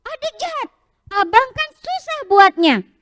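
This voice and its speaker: A woman voicing an angry little boy who shouts at his younger sister, in a children's storytelling session. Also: extremely high pitch, big pitch swings, measured pace, a little hiss or hum, voice pushed up, full character voice.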